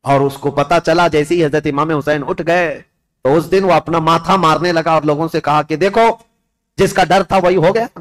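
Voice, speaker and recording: Man, preacher, storytelling sermon, impassioned, declamatory, somewhat high voice. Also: moderate pace. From India. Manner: impassioned, declamatory, addresses the crowd directly.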